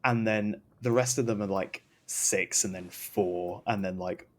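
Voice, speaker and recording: While streaming a game, a man keeps up casual chat, rambling and frequently cutting himself off. His voice sits on the low side at a measured pace, and there's some noise on the recording.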